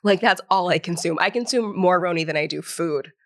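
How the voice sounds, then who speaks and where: A woman's voice: on the low side, fairly quick. A woman co-hosting a podcast in casual chat, teasing and making dry jokes. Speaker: podcast co-host.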